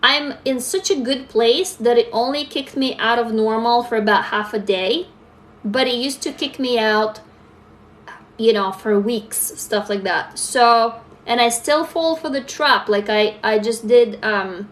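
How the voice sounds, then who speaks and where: A woman's voice: fairly high pitch, measured pace. A young adult woman from Russia, chatting candidly with viewers on a phone livestream and reading their comments aloud. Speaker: livestream host. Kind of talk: casual live-stream chat.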